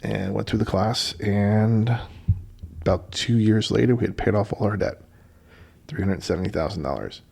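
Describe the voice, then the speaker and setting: Man, middle-aged, gravelly, husky, radio host, storytelling, animated. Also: moderate pace. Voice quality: deep gravelly voice. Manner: animated, acts out quoted dialogue. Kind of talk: personal storytelling monologue.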